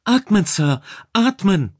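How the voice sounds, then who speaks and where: Eager young tech guy, narrator putting him on, higher and louder than his normal voice, dry sound. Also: sing-song, breathy edge, no echo. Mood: alarmed. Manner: eager, quick to obey. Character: eager young male ship technician.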